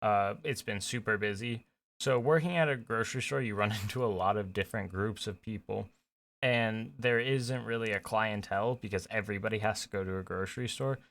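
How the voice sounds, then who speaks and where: A man's voice: fairly low pitch, brisk, fairly bright tone. A young man telling a work story in a casual, chatty way, often restarting his sentences. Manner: chatty, with frequent restarts and fillers. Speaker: storytime vlogger.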